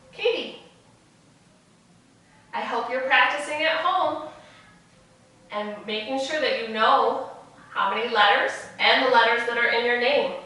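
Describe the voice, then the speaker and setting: A woman's voice: fairly high pitch, pushed and bright. A woman teaching young children in a kindergarten teacher voice, speaking in simple, encouraging phrases for a virtual lesson. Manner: encouraging, with frequent praise and prompts. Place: echoey indoor room, away from mic. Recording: very echoey room, distant mic.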